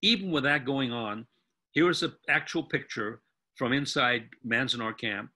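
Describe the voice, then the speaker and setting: Older american guy in his 80s giving a history talk over photos, husky and kinda bright, restarts his sentences a lot. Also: mid-range voice. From United States. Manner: earnest, halting storyteller with frequent restarts. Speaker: guest speaker.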